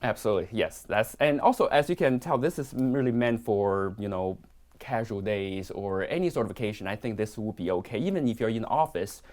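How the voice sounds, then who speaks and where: Hesitant man, low voice. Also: a little fast, darkish tone. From Hong Kong. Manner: hesitant, many fillers and restarts, modest. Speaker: watch collector guest. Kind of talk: casual interview.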